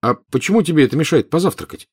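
A man's voice: medium pitch, expressive, fairly quick, a little mellow, voice pushed up, close to an everyday voice. A man reading an audiobook, voicing an impatient, incredulous teenage boy wizard. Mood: exasperated.

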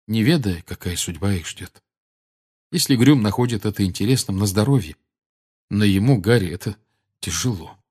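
A man reads an audiobook with dramatic, expressive narration. His pitch moves in a lively way, and his voice has a husky, breathy grain. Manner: dramatic, shifting between tense and hushed.

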